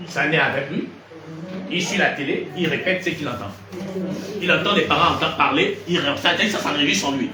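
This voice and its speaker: A man from Gabon preaches to his congregation at a normal speed in a slightly high voice, constantly firing lively questions that probe the audience. Crowd noise is audible, and the recording is noisy, echoey, and far off.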